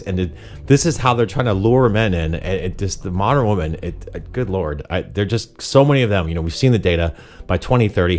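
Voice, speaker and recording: A man hosting a commentary show, reading dating profiles aloud in a sarcastic, mocking, blunt way. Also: low voice. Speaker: host of a dating commentary channel.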